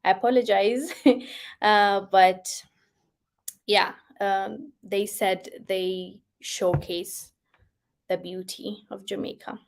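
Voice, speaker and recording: A woman hosting a casual chat show, reading out viewer comments and reacting in an expressive way, often laughing and moving between soft and excited tones. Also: mid-range voice, takes it slowly, creaky. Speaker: host.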